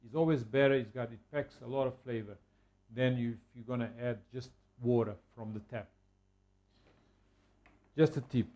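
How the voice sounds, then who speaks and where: Relaxed man talking through a recipe. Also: mid-range voice, muffled recording. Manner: relaxed, halting, with many fillers. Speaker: home cook. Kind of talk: casual cooking demonstration.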